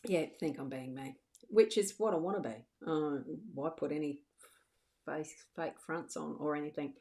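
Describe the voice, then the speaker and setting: Chatty woman, slightly low voice. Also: a little mellow. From Australia. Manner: chatty and reassuring, with frequent restarts. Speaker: psychic medium doing live card readings. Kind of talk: casual livestream chat.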